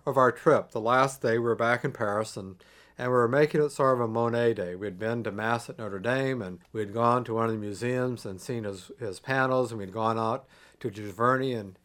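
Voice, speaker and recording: A middle-aged man telling a personal family story in a reflective, conversational way, pausing and restarting as he goes. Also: mid-range voice, fairly bright tone.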